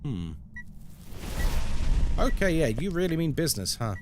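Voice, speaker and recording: A man's voice: a little high, big pitch swings, a little slow, background noise. A man chatting casually as a live game streamer, with playful, tongue-in-cheek banter and commentary for his viewers.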